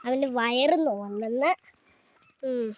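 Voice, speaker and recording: Chatty high-voiced woman vlogging outdoors. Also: takes it slowly, heavy background noise. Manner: chatty, addresses viewers as guys and urges them to subscribe. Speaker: vlogger and parent. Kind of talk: casual walking vlog. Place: outdoors by the road near her house, windy.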